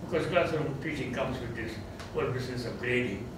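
In his sixties and speaking Tamil-accented English, a retiring theology professor offers a reflective, gently self-deprecating farewell talk, an informal lecture with Q&A. His mid-range voice moves briskly, recorded from a far camera in an echoey medium-sized seminar room with background noise.

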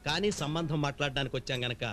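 A man's voice: on the high side, fast, a bit bright, natural voice. An actor playing a courteous middle-aged father who comes to ask for a bride. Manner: courteous and formal. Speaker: groom's father. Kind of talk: film acting. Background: film score music.

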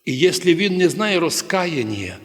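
A fairly high-pitched man delivers a sermon as an archpriest. He preaches with sudden loud, dramatic cries, and his voice rings through the long reverb of a large cathedral. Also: sing-song, moderate pace.

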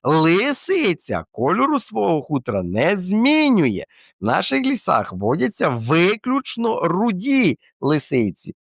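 A man's voice: sits high, wildly swooping pitch, takes it slowly, creaky, a bit bright, no echo. A man presenting a casual explanatory talk in a colloquial, playful way with slangy asides, close to the mic.

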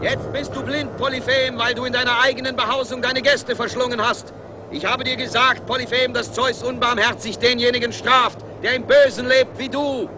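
Odysseus proudly taunting the giant. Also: male voice, extremely high pitch, steady tone, moderate pace. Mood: defiant. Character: defiant Greek hero-king taunting a giant. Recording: clear noise behind the voice.

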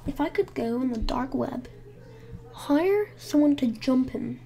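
A woman's voice: high voice, lively intonation, unhurried, vocal fry, dark tone. A woman telling a casual storytime at home, rambling and swearing, sometimes dropping to a whisper. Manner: rambling and profane, with many fillers. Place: home room with someone asleep nearby.

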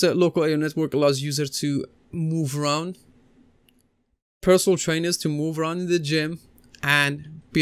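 Sitting at a desk in a small room, a man in his thirties talks through computing slides in a casual style full of fillers and false starts. He teaches computing, and his smooth voice sits on the high side, with no room sound.

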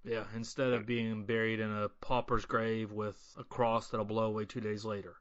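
A man's voice: fairly low pitch, level tone, normal speed, dry recording, dull audio. A man chatting casually as a podcast co-host, retelling the story and acting out bits of dialogue. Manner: conversational, retells the plot and acts out quotes. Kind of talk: casual chat.

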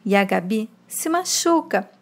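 A woman from Brazil retelling a soap opera episode, reading out the characters' lines with lively shifts in delivery. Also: medium pitch, measured pace, gravelly.

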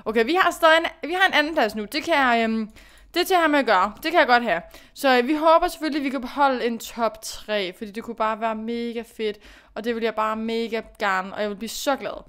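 A young woman with a high, smooth, clear voice narrates her own gameplay in a chatty, self-directed way. She pushes herself to focus, scolds her own mistakes and praises her own good moves. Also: fairly bright tone. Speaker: gaming youtuber. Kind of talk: casual gameplay commentary.

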